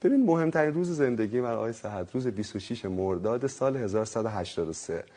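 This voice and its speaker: A man, telling his life story casually, lively and self-mocking, often laughing. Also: fairly low pitch. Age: 30s. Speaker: guest.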